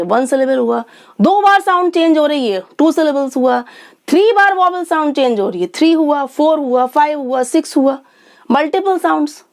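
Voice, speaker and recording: A woman with an Indian accent teaching an online lesson, sounding out English words slowly syllable by syllable. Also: sits high.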